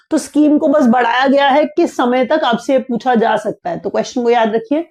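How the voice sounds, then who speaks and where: A woman's voice: high voice, darkish tone. A woman teaching an exam-prep lesson in a conversational way, restating each point and asking the listener questions. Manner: explains by repeating and restating, asks the listener questions.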